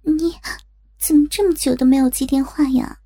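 A woman voicing a gentle young daughter-in-law, tender and coy, in an audio story. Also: high-pitched, normal speed. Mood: mildly reproachful.

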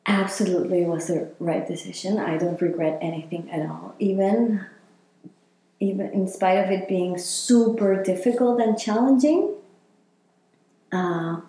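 A woman's voice: medium pitch, measured pace, warm tone. A woman from Chile, talking reflectively in a casual interview and using many fillers. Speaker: interviewee, healer. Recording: very echoey room.

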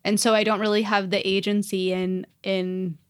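A woman's voice: mid-range voice, little pitch movement, moderate pace. A young adult woman co-hosting a podcast, talking in a casual, reflective way with many fillers. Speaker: podcast co-host. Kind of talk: casual conversation.

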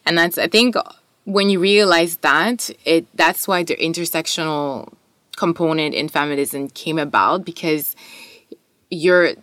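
A woman's voice: deep voice, measured pace, a bit bright, no room sound. A woman whose first language is French, co-hosting a casual, enthusiastic discussion of articles and poetry.

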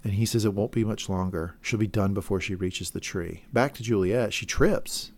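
A man with a fairly low voice co-hosts a casual podcast, walking through a TV episode scene by scene. He rambles and corrects himself as he goes, floating guesses about the plot. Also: moderate pace. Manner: rambling, self-correcting, speculative. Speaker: podcast co-host.

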